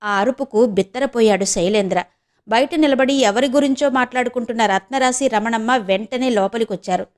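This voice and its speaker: A woman's voice: fairly high pitch, brisk. Telugu woman narrating an audio novel. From India. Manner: steady storytelling.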